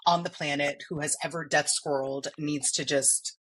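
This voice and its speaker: Low, husky-voiced woman co-host. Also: fairly even intonation, moderate pace, a bit bright. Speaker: podcast co-host. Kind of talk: casual chat.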